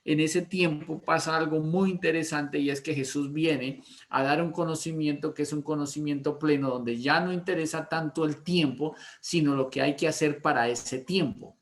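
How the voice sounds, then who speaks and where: A man's voice: a little high, fairly even intonation, moderate pace, hardly any pauses. A man, a pastor teaching an online Bible class, often asking if he is understood. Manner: rhetorical questions to check understanding.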